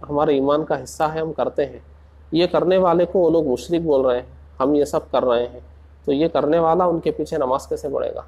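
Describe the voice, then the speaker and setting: A man preaching in a slow, deliberate way, asking rhetorical questions and rising into passionate emphasis. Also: on the high side, creaky, darkish tone. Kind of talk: Urdu sermon.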